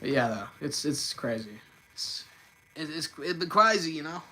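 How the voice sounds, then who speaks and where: A young man hosting a casual live stream, talking fast and often repeating and restarting his words. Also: a little high, very animated, pushed and bright, low-quality recording. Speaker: livestream host.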